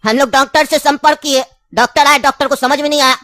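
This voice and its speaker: A woman's voice: high-pitched, fairly even intonation, quick pace, bright, forceful tone, no room sound. A woman voicing a scheming, insistent old grandfather in a cartoon, speaking with a tinge in a pleading, long-winded way. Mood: storytelling.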